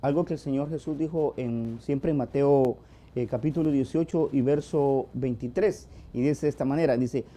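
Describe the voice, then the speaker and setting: A man's voice: mid-range voice, normal speed, warm tone. A man co-hosting a church TV program, earnestly retelling a Bible parable in a devotional talk. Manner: earnest, emphatic retelling with acted quotes. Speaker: church TV co-host.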